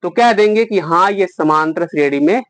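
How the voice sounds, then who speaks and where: A man leads a math class, walking through each step and stopping to quiz his students. His voice sits high. The sound is dry and close, with no room echo. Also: normal speed, a bit bright. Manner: explains step by step, quizzes students. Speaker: math teacher. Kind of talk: classroom lesson.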